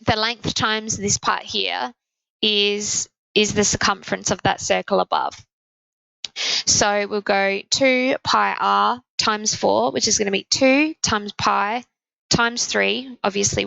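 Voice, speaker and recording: Brief: croaky female maths teacher, bright voice, working sums out aloud step by step, dry close sound. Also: mid-range voice, steady tone, measured pace, no room sound, low-quality recording. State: croaky, sore throat. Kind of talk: maths lesson explanation.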